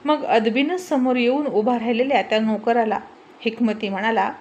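A woman storyteller reading a folk-style tale aloud. Her narration is steady and expressive, with a voice pitched a little high. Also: moderate pace.

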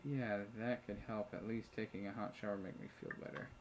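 A man with a fairly low, steady voice speaks briskly as a let's play host, casually reading chat-game messages aloud, muttering asides, and swearing freely. It's a very noisy clip, with loud keyboard typing and clicks in the background.

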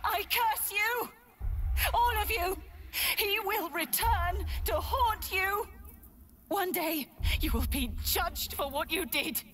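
A woman's voice: very high voice, slow, a bit bright, a little hiss or hum, full character voice. An actress playing a grieving young woman who curses the men who killed her lover, crying as she speaks. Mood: anguished curse.

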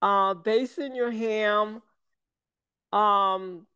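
Older Southern woman, unhurried, rambling guest on a video call, smooth clear tone. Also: medium pitch, steady tone, sharp tone, no echo, highs cut off. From American South. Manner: slow, meandering, many fillers and restarts. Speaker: guest, syrup maker. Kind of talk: casual interview over video call.

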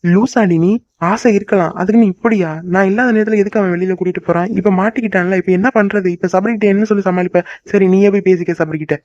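Man as a fretful cartoon husband, quick mid-pitch patter, muffled lo-fi recording. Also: fairly even intonation, darkish tone, no room sound, lightly acted. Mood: alarmed. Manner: fast, scolding then soothing. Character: young husband, fretful but soothing.

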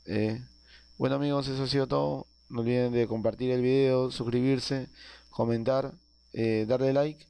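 Gravelly-voiced man explaining a game edit. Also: mid-range voice, fairly even intonation, moderate pace, dark tone, dry recording. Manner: explains step by step, frequent filler sounds and tag questions. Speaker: video game tutorial creator. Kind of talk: casual screen-recorded game tutorial voice-over.

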